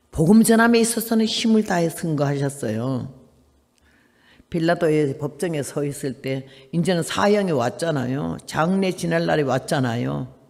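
An older woman preaches a sermon with a gravelly, fry-edged voice. She tells stories and swings between hushed and loud delivery. The sound rings out with a long hall reverb. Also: low voice. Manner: storytelling, dramatic swings between soft and loud. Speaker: missionary preacher.

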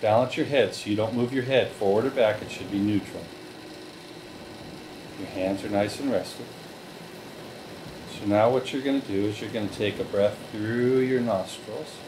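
A man leading a relaxation group through guided breathing, giving slow, calm step-by-step directions. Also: lowish voice, noisy background.

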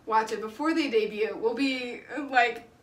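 A woman's voice: fairly high pitch, unhurried, reverberant, distant mic, a little hiss or hum. A woman co-hosting a reaction video, chatting playfully and teasing. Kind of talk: casual reaction chat.

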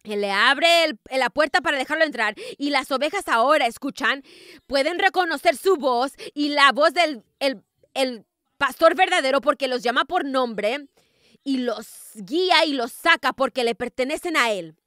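A woman prophetess delivers a sermon in a high, ringing voice. Her tone is bright and sharp, and the sound is close and dry. She keeps asking the congregation whether they are following and builds to forceful declarations. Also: animated, normal speed, dry recording. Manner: emphatic, rising to forceful declarations. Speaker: prophetess preaching.

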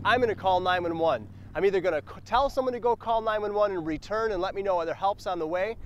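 High-pitched American male first aid instructor. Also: slight background noise. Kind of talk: instructional demonstration to camera. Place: outdoors on a roadside sidewalk.

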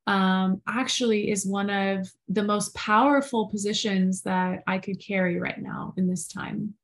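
Brief: woman in her thirties, heartfelt live-stream host at home, even flat delivery, lots of "um". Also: medium pitch, vocal fry. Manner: earnest, heartfelt, many fillers, reads viewer comments aloud. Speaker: podcast co-host. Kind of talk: live-streamed casual talk.

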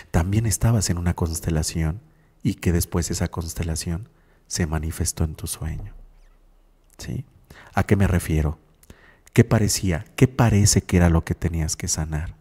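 Deep-voiced man hosting radio. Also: fairly even intonation, moderate pace, long pauses, warm tone, slightly rough, long reverb tail. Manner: reflective, keeps asking "sí?". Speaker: radio host psychologist. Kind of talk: spiritual talk radio.

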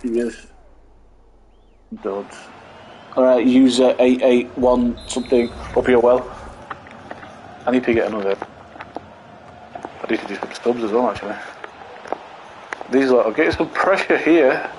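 Chatty gaming host. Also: male voice, medium pitch, a little slow, long pauses, slight background noise, rough recording. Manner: rambling, chatty, talks to viewers while playing; excitable bursts at goals. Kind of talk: live football game commentary.

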